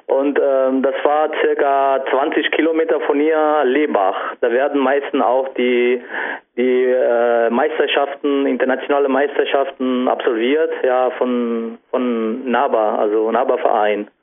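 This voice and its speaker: A man in his twenties from Sicily with an Italian accent, speaking German as a guest in a radio interview, halting with many fillers. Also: mid-range voice, little pitch movement. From Sicily, Italy. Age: 20s. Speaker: guest bodybuilder. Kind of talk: casual interview answers. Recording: tinny phone-like radio sound.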